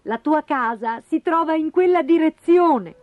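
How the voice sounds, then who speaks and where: A woman voicing a kindly little wagtail bird, with a high, gentle chatter. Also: a little slow, dry recording, phone-quality sound, faint music behind.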